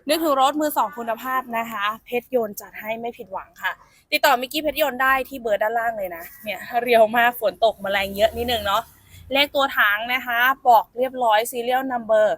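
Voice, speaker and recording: A woman's voice: on the high side, fairly quick, fairly bright tone, dry recording. Chatty saleswoman with a raised voice. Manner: chatty, addresses viewers as elder sibling. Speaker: used car saleswoman. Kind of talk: sales walkaround presentation.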